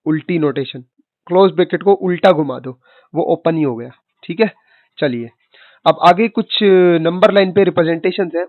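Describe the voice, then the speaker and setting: Speaking on the high side, a male teacher runs a chatty online maths lecture where students get called kid and boss. He raises their questions himself, then answers, and the recording is dry with a tinny phone-like tone.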